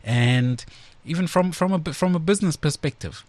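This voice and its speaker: A man with a South African accent giving measured, hesitant answers as an interview guest. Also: on the high side, darkish tone, no room sound. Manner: hesitant, measured, searching for words.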